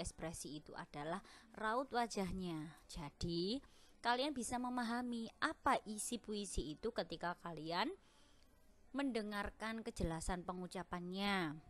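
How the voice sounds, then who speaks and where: A woman's voice: medium pitch, a bit bright. Patient woman teaching children. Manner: patient, explaining slowly to children. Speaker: primary school teacher. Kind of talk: online class lesson.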